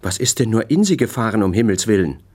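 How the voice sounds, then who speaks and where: A man's voice: lowish voice, expressive, quick pace, darkish tone, husky, pitched above the performer's own voice. A man reading a novel aloud, voicing a proud, wounded upper-class wife who answers with indignant sarcasm. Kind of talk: audiobook character voice.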